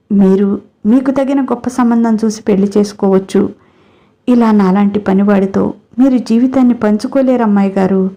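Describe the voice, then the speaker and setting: A meek, deferential young farmhand from a storybook, as read by a woman. He speaks humbly and softly, in a dark, mellow voice. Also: medium pitch, natural voice, low-quality recording. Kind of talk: storybook character reading.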